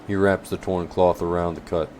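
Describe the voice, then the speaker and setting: Brief: low-voiced man narrating a fantasy audiobook, measured pace, slight air-conditioning hum behind. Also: flat delivery, darkish tone.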